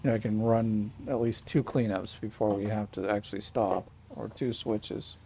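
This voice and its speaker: This gaming channel host sits at his home desk casually talking through his gameplay, rambling, correcting himself, and making chatty asides to a small child beside him. His voice is low and mellow with a breathy edge, his pace moderate and his intonation fairly even.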